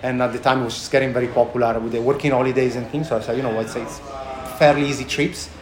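A man with a thick Italian accent giving casual interview answers in halting, non-native English phrasing. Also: mid-range voice, steady tone, crowd noise. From Italy. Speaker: chef and restaurant owner being interviewed. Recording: echoey room with background noise.

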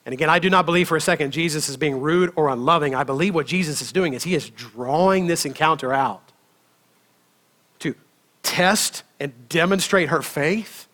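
Lively storytelling preacher, man. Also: fairly high pitch. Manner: conversational, asks the congregation "right?" often; lively storytelling, laughs between phrases. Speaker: pastor. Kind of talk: sermon.

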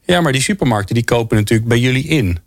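A man moderating a panel discussion, asking quick probing follow-up questions. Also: medium pitch, expressive, no echo, studio quality.

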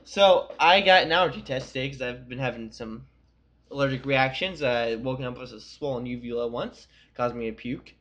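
A man's voice: medium pitch, brisk, a bit bright, highs cut off. A young man co-hosting a podcast, telling rambling, profane stories in casual chat. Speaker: podcast co-host.

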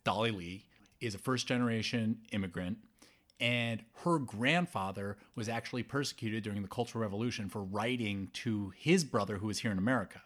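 A man hosting a podcast, reading a scripted introduction of his guest in an earnest, steady way. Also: lowish voice, fairly quick. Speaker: podcast host. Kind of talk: scripted narration.

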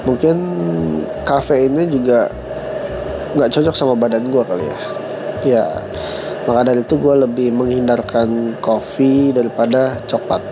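In a rough recording with music in the background, a young man speaks unhurriedly in a mid-range voice, pausing often. He hosts a casual solo podcast with a Jakarta slang accent and a stuffy nose from a cold, teasing himself and laughing at his own jokes.

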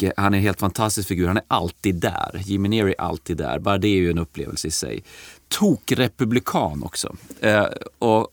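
A man's voice: fairly low pitch, no room sound, studio quality. A man co-hosting a podcast, chatting with enthusiasm and plenty of hesitant fillers. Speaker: podcast co-host. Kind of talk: casual chat.

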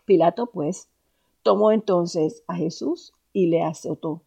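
A woman reading scripture aloud in a steady, solemn way. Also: fairly low pitch, slow pace, gravelly, husky. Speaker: scripture reader.

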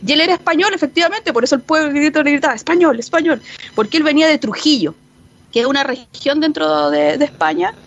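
A woman's voice: sits high, fast, creaky, highs cut off. A woman co-hosting a podcast who chats casually about film and history, telling stories with animation and laughter. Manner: animated, laughing storyteller with many restarts. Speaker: podcast co-host.

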